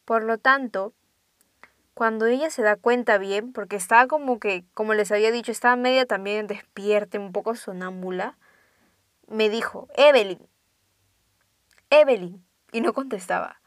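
A young woman, casually telling a ghost story and dropping to hushed tones for suspense. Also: medium pitch, fairly even intonation, moderate pace, dry recording, studio quality.

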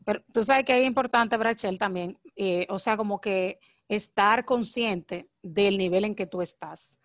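A married woman, hosting a casual podcast chat and talking very fast and excitably. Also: medium pitch, dry recording, studio quality. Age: adult, married. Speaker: podcast host.

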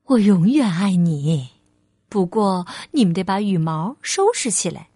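A patient, loving storybook mother who reassures in a gentle, lowered voice, played by a woman reading aloud. She speaks slowly and warmly and never rushes. The recording is dry and close. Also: sing-song, husky, no echo. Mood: reassuring.

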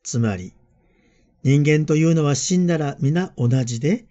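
Calm, mellow Japanese priest giving a homily. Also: male voice, on the high side. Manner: calm, reflective, measured delivery. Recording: dull lo-fi voice message.

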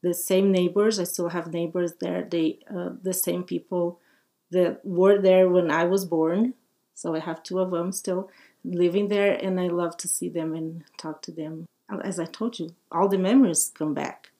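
A Brazilian woman with a mellow, steady voice on the low side chats at a moderate pace as a podcast guest. Her casual interview talk is friendly and simply phrased, with frequent laughs.

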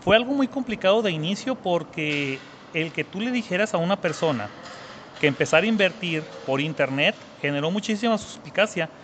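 A man's voice: high voice, expressive, brisk, a bit bright, slight background noise. A Mexican man in his thirties, answering interview questions earnestly, often repeating words for emphasis. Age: 30s. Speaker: guest entrepreneur.

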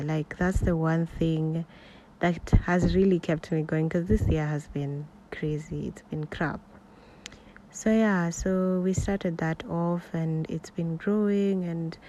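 A woman's voice: on the low side, warm tone. A woman in her twenties with a Kenyan accent, chatting candidly and unscripted as a solo podcast host. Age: 20s. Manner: candid, conversational, rambling. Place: at home next to a road. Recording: noisy home recording beside a road. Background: faint street noise, passing cars.

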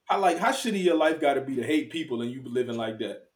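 A man in casual group chat, joking in a lively way. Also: mid-range voice, quick pace. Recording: roomy, off-mic.

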